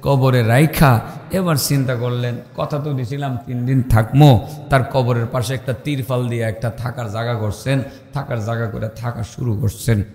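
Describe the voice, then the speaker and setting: A man's voice: mid-range voice, fairly even intonation, moderate pace, darkish tone. A man preaching a waz sermon, telling a story and breaking into a sung, chanting delivery at its climaxes. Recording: echoey hall with long reverb.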